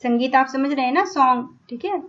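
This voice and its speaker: Woman teacher, high voice, repeats and quizzes herself, dull lo-fi sound. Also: fairly quick. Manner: repetitive, checks in with "ठीक है", asks and answers her own questions. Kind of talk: exam-prep lecture. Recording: dull lo-fi recording.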